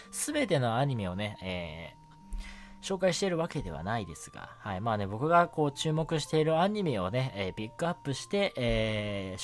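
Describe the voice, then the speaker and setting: This man's mid-range voice carries a faint hiss or hum as he hosts a relaxed solo anime radio show. He chats courteously, dropping in many little filler particles. Background music runs underneath him.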